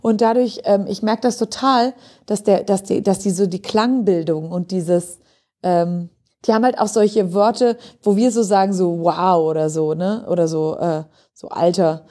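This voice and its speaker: Chatty woman with a mellow voice. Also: mid-range voice. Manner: chatty, quick to explain with examples. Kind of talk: casual chat. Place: lives in Sweden.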